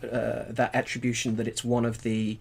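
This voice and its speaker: A man's voice: mid-range voice, completely flat delivery, normal speed, vocal fry, slight background noise. A man co-hosting a casual scholarly chat, wordy and digressive, with frequent restarts and dry wordplay. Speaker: podcast co-host.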